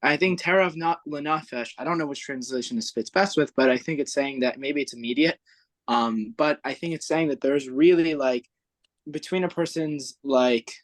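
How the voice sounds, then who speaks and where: A man's voice: a little high, normal speed, dry recording. A man talking over a video call with a dropping connection, hesitant and full of "like" fillers and restarts in a casual group study discussion. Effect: heard over a video call with a dropping connection.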